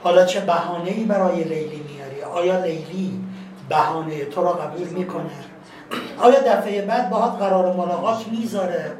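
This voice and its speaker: A man's voice: high voice, darkish tone, echoey room, recorded from a distance, close to an everyday voice, low-quality recording. A man voicing a lovesick young man who mutters worried questions to himself.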